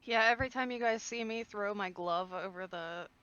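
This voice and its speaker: A woman's voice: medium pitch, moderate pace, a bit bright, clear, resonant tone. A woman playing a tabletop game, chatting and joking about her character. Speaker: player. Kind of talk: casual tabletop play. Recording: dull lo-fi mic.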